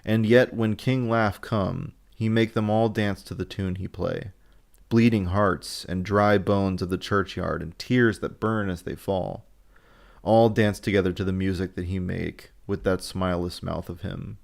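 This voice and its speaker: An old, sorrowful Dutch professor speaking in earnest, broken old-fashioned English, as a man reads him aloud. The voice sits low and gravelly. It is a storybook reading, not a stage performance. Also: fairly even intonation, a little slow.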